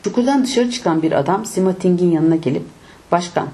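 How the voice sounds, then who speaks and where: A woman reading a novel aloud in a steady, measured audiobook narration. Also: fairly low pitch.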